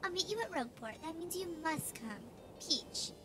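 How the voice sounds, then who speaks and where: A woman's voice: very high voice, lively intonation, moderate pace, background noise, pitched above the performer's own voice. A woman voicing a sweet, polite young princess in a prim, sing-song, sweetly pushy manner while playing a video game. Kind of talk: let's play voice acting.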